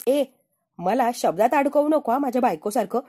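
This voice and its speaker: A woman's voice: fairly high pitch, expressive, moderate pace, warm tone, slightly rough. A woman voicing a stubborn young husband who answers curtly and defensively.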